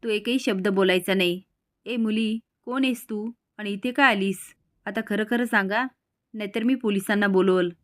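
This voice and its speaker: A woman's voice: mid-range voice, moderate pace, a bit bright, natural voice. Woman playing a stern, commanding elder sister-in-law. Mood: firm.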